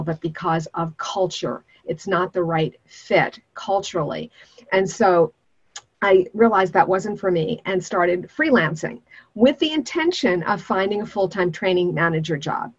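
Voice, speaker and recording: A middle-aged woman from Brooklyn, a speech coach telling her career story as a radio guest, animated and quick to laugh. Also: lowish voice, husky. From Brooklyn, New York. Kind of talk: interview storytelling. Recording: dull lo-fi line.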